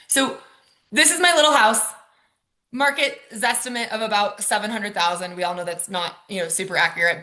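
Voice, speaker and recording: A woman's voice: lowish voice, bright, forceful tone. A woman, a mortgage lender, presenting a webinar over slides in a casual, chatty way with frequent ums and likes.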